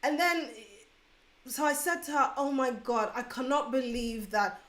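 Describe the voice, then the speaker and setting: A woman's voice: sits high, unhurried. A woman co-hosting a vlog, telling a personal story casually and acting out what people said. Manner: animated, quotes others. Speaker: vlog co-host. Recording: echoey room.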